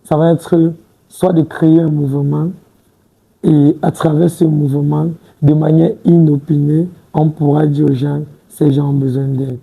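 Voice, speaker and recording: A young man in his twenties, talking in a relaxed, halting way as a studio interview guest. His voice is gravelly and a little raspy, pitched slightly high yet very dark and mellow in tone. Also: rough recording. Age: 20s. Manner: hesitant, repeats words and restarts, says "tu vois un peu". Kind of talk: casual interview talk. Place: TV studio set.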